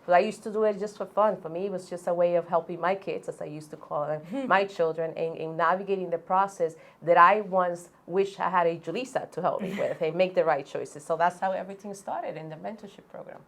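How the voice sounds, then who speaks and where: A low-voiced woman from the Dominican Republic, whose first language is Spanish, tells stories as a guest in a conversational interview; she's a college coach and business founder. She speaks fairly quickly with few pauses, earnest and steady, though she often restarts and uses fillers.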